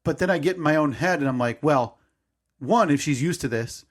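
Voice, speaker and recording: Speaking briskly in a fairly high voice, a man in his thirties co-hosts a podcast. His casual story comes out rambling and hesitant, with lots of self-corrections.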